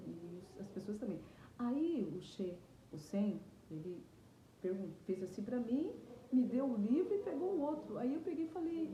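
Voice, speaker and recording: Earnest Brazilian woman with a dark, mellow voice. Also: on the high side. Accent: Brazilian Portuguese. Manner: earnest, halting with repeated restarts. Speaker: interviewee telling her conversion story. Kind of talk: emotional personal testimony. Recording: echoey room with faint noise.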